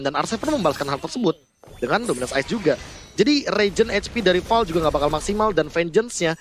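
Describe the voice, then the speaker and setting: A man's voice: high-pitched, a bit bright, slight background noise. A man with an Indonesian accent giving detailed, explanatory analysis during live video game commentary.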